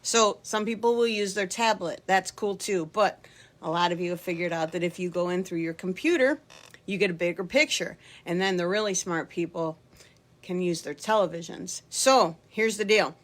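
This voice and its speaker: A woman's voice: lowish voice, normal speed. A middle-aged woman and line dance instructor, talking casually and jokingly to camera from her home basement. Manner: talkative, joking, acts out voices in her anecdotes. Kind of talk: casual chatty tutorial to camera.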